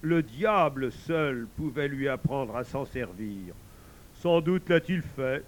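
A man reading a tale aloud, voicing an old, fatherly God who speaks in a calm, measured way. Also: medium pitch, a little hiss or hum.

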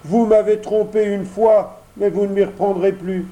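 A man's voice: high voice, fairly even intonation, moderate pace, warm tone, pitched above the performer's own voice, close to an everyday voice, poor audio. A man voicing an earnest, proud wooden puppet boy in a storybook reading, with emphatic delivery. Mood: scornful. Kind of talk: audiobook character voice.

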